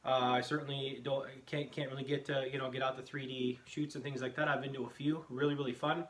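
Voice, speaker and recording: A man's voice: medium pitch, level tone, quick pace. Rambling man in an echoey, noisy basement. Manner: rambling, repeats and restarts phrases. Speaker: host of a bowhunting video channel. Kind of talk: casual product review vlog, talking to viewers. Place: echoing basement at home.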